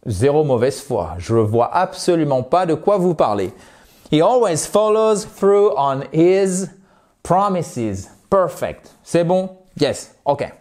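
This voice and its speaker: Slow-talking teacher. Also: male voice, on the high side. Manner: lively, playful, repeats words slowly to drill them. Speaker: English teacher. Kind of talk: online English lesson.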